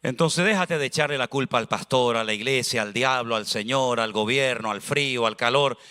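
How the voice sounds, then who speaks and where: Male pastor, high bright voice, animated sermon, long hall echo. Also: normal speed, smooth. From Spain. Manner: animated, preaching with conversational asides and acted dialogue.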